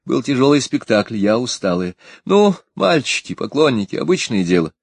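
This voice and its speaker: A man reading a tired young actress, emotional and lively, in an audiobook. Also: mid-range voice, normal speed, dry recording, voice pushed up. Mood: pleading.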